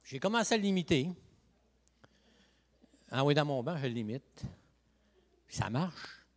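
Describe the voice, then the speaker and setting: Man, pastor, Quebec French accent from Lac-Saint-Jean, folksy evangelical sermon, jokey asides, fairly high pitch. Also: sing-song, unhurried. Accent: Quebec French, Saguenay–Lac-Saint-Jean. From Quebec, Lac-Saint-Jean region. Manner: folksy, joking, frequent "hey" and "amen" interjections. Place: church sanctuary.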